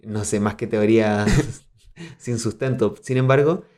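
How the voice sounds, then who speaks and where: A man with a Chilean accent, a musician guest on a podcast, speaking in a thoughtful, measured way with dry humor. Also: fairly low pitch, a little mellow. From southern Chile. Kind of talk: casual interview.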